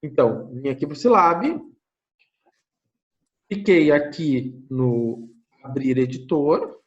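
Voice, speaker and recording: Lively Brazilian lecturer, lo-fi audio. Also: male voice, on the high side, slow pace. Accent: Brazilian Portuguese. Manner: explains step by step, thinking aloud, often checks in with listeners. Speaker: university lecturer. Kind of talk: online lecture with screen sharing.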